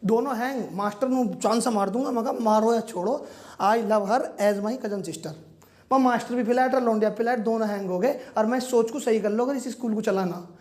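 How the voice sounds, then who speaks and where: A man's voice: very high-pitched, moderate pace, darkish tone. A young man performing stand-up comedy. He tells school and college stories in a loose, slangy way. He acts out the dialogue and lands crude punchlines. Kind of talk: stand-up storytelling.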